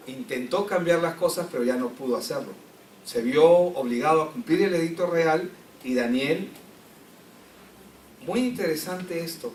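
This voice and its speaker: A man's voice: on the high side, a little hiss or hum. A man teaching a Bible class who reads scripture aloud, explains it and asks his listeners questions. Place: church classroom. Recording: echoey room, distant mic, faint ambience.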